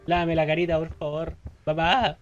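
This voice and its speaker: A man's voice: on the high side, flat delivery, moderate pace, muffled recording, soft background music. A man with a Chilean accent giving casual, joking let's play commentary, reading game text aloud. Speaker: gaming streamer.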